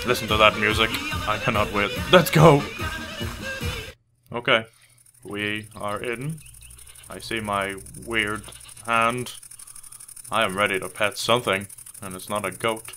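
A man delivers unhurried, goofy commentary over a game, talking to its characters and bursting into excited shouts. Loud game music plays under his voice throughout. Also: fairly low pitch. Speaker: gaming video host. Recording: game music playing behind voice.

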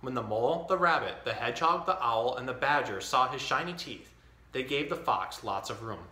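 A man in his thirties hosting a storytime, reading a children's picture book aloud with expressive, clearly enunciated delivery. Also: medium pitch, moderate pace. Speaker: storytime host. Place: indoor tiled-floor room. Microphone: camera a few feet away. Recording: echoey room.

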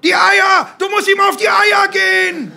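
A man voicing a crude, bald, middle-aged football father who keeps shouting abuse at the players. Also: sits high, expressive, fairly quick. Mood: bellowing. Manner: bellowing, coarse, abusive shouting.

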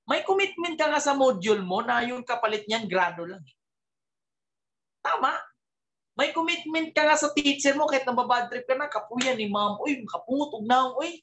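A man speaking at a business team gathering, giving an animated motivational talk, mixing English words in and often asking the audience rhetorical questions. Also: very high-pitched.

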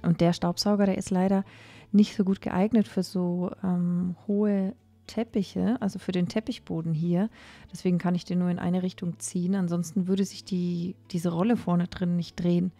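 A young woman giving a casual, chatty voice-over about cleaning her home, with many fillers and pauses. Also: lowish voice, little pitch movement, warm tone, soft background music. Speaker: cleaning vlogger.

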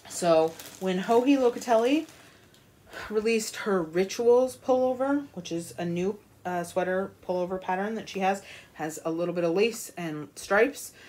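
A woman's voice: mid-range voice, slight background noise. A woman hosting a knitting podcast, chatting casually about her yarn purchases with lots of ums and restarts. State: has the hiccups. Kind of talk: casual show-and-tell chat.

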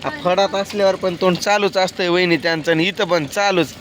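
Guy, kinda high voice, nagging and fed up in a comedy skit. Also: fairly even intonation, a little fast, crowd noise. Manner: nagging, exasperated, scolding. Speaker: comic vlogger. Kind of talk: comic skit of village family life.

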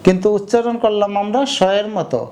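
A young man teaching an online grammar lesson, explaining step by step and saying example words again slowly. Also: high voice, steady tone, darkish tone, a little hiss or hum. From Bangladesh.

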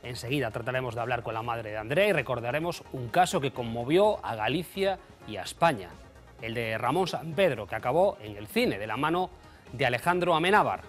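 Brief: male reporter, mid pitch, even measured newsreading. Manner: steady, informative. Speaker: news reporter. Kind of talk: scripted news report.

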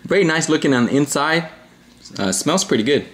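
A man in his thirties hosts a casual pepper-review vlog at a table in a small indoor room. His voice is a little high, animated and fairly quick. He talks in an easygoing, rambling way, full of ums, uhs and restarts.

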